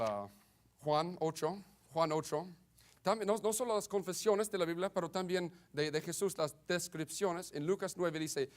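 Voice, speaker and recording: A man preaching a sermon in a hesitant way, often stumbling and restarting words. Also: on the high side. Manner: halting, many restarts and stammers. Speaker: Baptist preacher.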